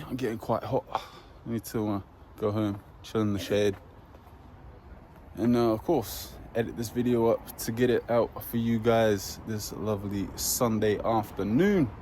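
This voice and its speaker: A man's voice: medium pitch, a little mellow. Man chatting at a car meet. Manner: enthusiastic, chatty car talk. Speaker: car vlogger. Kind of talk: casual vlog commentary. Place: outdoors at a pub car meet. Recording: outdoor recording with traffic noise. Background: passing cars and motorbikes.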